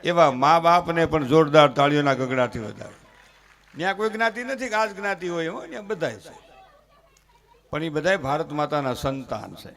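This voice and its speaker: A man tells comic folk stories to a live audience and turns them into earnest appeals. His voice sits high and rings bright and forceful. He moves between playful jokes and exhortation. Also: lively intonation, moderate pace. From Gujarat, India. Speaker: folk humorist performer.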